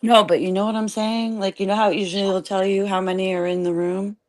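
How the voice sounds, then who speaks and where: A woman's voice: medium pitch, little pitch movement, quick pace, darkish tone. Woman, live-stream panel guest, joking, teasing. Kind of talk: casual live-stream chat.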